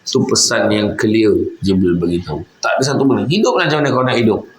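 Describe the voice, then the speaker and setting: A man's voice: on the low side, fast talker, reverberant, a little hiss or hum, poor audio. A man with a Malaysian Malay accent giving a religious lecture, telling stories with rhetorical asides to his listeners. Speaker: preacher. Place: lecture venue, indoors.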